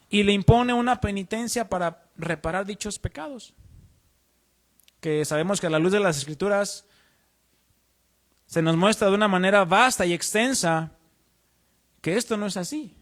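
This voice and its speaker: High-voiced preacher teaching. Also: male voice, normal speed, long pauses, a bit bright. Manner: earnest, explanatory, asks the congregation questions. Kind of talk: teaching sermon. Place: church.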